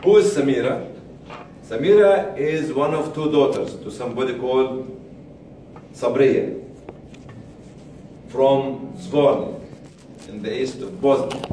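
A man in his sixties tells a story to an audience in a medium-sized indoor seminar room, speaking deliberately and using repetition and pauses for emphasis. His voice is mid-range and mellow, captured from a distance in a very echoey room with faint noise.

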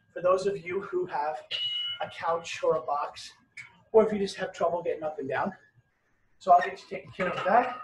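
A man in his fifties explaining workout moves step by step as a fitness coach. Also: high-pitched. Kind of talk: instructional workout demonstration. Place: hard-walled home gym or patio workout space. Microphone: camera a few metres away. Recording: roomy, distant mic with background noise.

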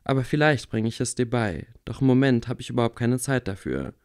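A man reading a calm, wry blind boy wizard. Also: mid-range voice, fairly quick, clean tone, natural voice. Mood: earnest. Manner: quiet, level.

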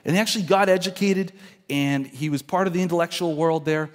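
A man's voice: a little high, fairly quick. A man preaching a sermon in a church, in an earnest conversational way, often restarting his sentences. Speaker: pastor. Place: church sanctuary. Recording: long church hall reverb.

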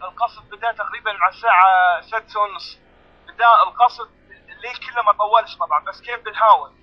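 A distressed man with a Libyan accent pleads as an eyewitness, swearing oaths again and again. His voice sits very high and races along. It comes through a muffled, lo-fi phone line. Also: fast. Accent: Libyan Arabic. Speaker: eyewitness caller. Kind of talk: urgent phone report.

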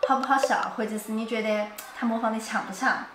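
A woman's voice: a little high, fairly even intonation, normal speed. A young woman hosting a casual reaction interview in a living room, asking questions. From China. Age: young adult. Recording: roomy sound with music behind.

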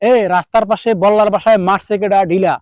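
A man's voice: sits high, fairly even intonation, quick pace, a little mellow, no echo. A man with a Barishal dialect accent reciting rhyming folk poetry in a rhythmic cadence. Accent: Barishal dialect of Bengali.

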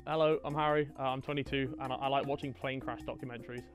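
A young man in his twenties from Guernsey, awkwardly delivering deadpan confessions as a contestant on a studio dating show. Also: mid-range voice, quick pace. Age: 20s. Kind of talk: comedic dating-show pitches. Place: indoor studio stage. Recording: studio with background music.

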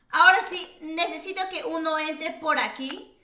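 A woman's voice: very high voice, slow, pushed and bright, reverberant. A woman hosting a casual game live stream, chatty and teasing, laughing often.

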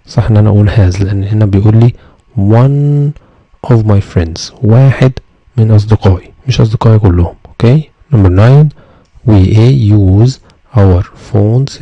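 A man's voice: on the low side, dry recording. A man with an Egyptian Arabic accent, an English teacher going over a review lesson step by step, asking questions and answering them himself. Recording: dull, dry lo-fi sound.

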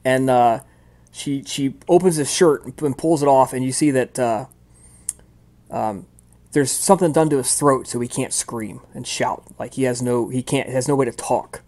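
A man's voice: medium pitch, moderate pace, a little mellow. A man narrating a tabletop game as game master in a casual, rambling way, full of fillers.

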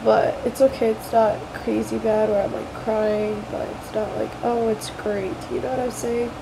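Young woman vlogger, post-surgery, sore and sleepy, slightly high voice, rambling casual updates. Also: level tone, moderate pace, gravelly, noisy background. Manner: tired, low-key, rambling. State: stuffy, sore after nose surgery. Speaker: vlogger recovering from nose surgery. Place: at home indoors.

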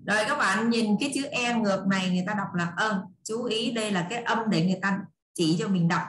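A woman's voice: mid-range voice, quick pace. Sex: woman. Role: English tutor. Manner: coaxing, repeating, explaining. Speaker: online English tutor for children. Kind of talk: teaching English to kids. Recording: echoey room, faint hiss and clicks.

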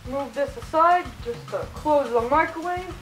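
Woman, high voice, jokey cooking host, echoey kitchen, faint music behind. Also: moderate pace, background noise. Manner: jokey, chatty, mock-instructional. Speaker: channel host cooking in fursuit. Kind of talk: playful cooking tutorial. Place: home kitchen.

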